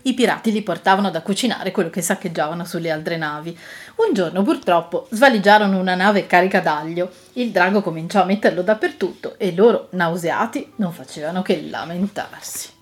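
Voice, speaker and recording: A woman reading a children's story aloud in an expressive, gently lilting manner. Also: lowish voice, fairly quick, soft background music.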